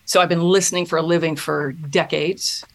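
A middle-aged woman, a podcast guest, telling her story in an earnest, thoughtful way, often pausing and restarting a thought. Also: deep voice, steady tone. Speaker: podcast guest, self-mastery mentor. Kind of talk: reflective personal storytelling.

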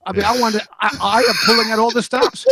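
A man's voice: sits high, fairly even intonation, quick pace, creaky, bright, forceful tone, breathy edge. A man with a Brooklyn accent bantering as a sports talk host, speaking in emphatic, short, punchy phrases. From New York, USA.

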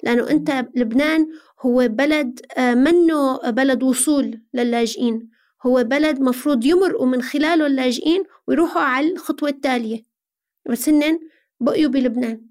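A Syrian woman speaks in a high-pitched voice as she answers in an interview. Her delivery is conversational and earnest, laying out explanations and posing rhetorical questions as she goes. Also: a little fast, darkish tone. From Syria, Aleppo. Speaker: interview guest.

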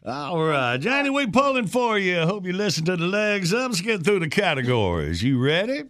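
A man's voice: sits high, wildly swooping pitch, normal speed, fairly bright tone. A man hosting a morning radio show with upbeat banter, talking to callers in a folksy, familiar way.

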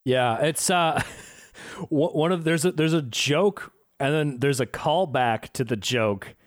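A man's voice: a little high, takes it slowly, no echo, clean studio sound. A man in a podcast chat, retelling film scenes with laughter, acting out lines from the film as he goes. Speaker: podcast co-host. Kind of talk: casual film-review chat.

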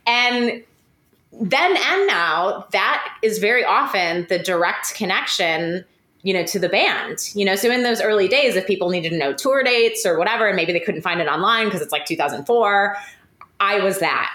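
A woman hosts a podcast and tells her stories in a lively, talkative way. She piles on fillers and restarts her sentences often. Her voice carries a roomy echo. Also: medium pitch, normal speed. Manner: animated, chatty, frequent fillers and restarts. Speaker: podcast host. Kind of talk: conversational interview storytelling.

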